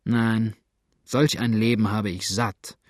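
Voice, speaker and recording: A man's voice: fairly low pitch, level tone, slow, no room sound, studio quality. A man voicing a hungry, bitter male runaway who talks in an agitated, complaining way.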